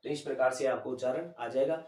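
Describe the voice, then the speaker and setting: A man teaching a lesson, patiently explaining and slowly repeating sounds syllable by syllable. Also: mid-range voice, a little mellow. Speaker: Hindi teacher. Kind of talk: classroom-style lesson explanation. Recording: echoey room, voice a bit far from the mic.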